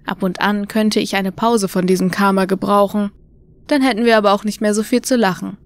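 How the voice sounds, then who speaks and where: A woman's voice: medium pitch, fairly even intonation, fairly quick, natural voice. A woman voicing a cocky young prankster in a horror audiobook, with wry, casual banter.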